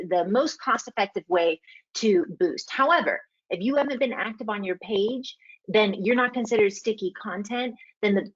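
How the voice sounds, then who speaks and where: A woman's voice: medium pitch, muffled recording. A woman hosting a marketing webinar, coaching listeners emphatically and repeating key points. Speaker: webinar host.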